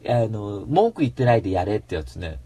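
A man hosting a radio show in a casual rambling monologue, slangy and animated, breaking into mock-angry rants. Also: lowish voice, fairly quick, breathy edge.

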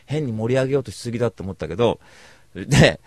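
Fast, animated man telling stories bluntly. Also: mid-range voice, no echo. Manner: blunt, rambling, self-described cynic; slangy rough speech. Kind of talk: casual storytelling monologue.

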